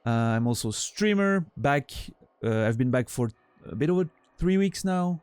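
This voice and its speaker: Pitched on the high side yet darkish, clear and resonant, his animated voice keeps a moderate pace with no room sound. The man, in his forties and from French-speaking Switzerland, has a Swiss French accent and rambles to his stream chat in a self-deprecating way, trailing off with fillers.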